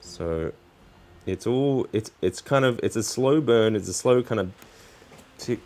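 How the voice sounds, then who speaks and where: A low-pitched, expressive man with a darkish tone rambles casually while crafting on a livestream. As a crafting channel host, he speaks in halting bits and lets phrases trail off.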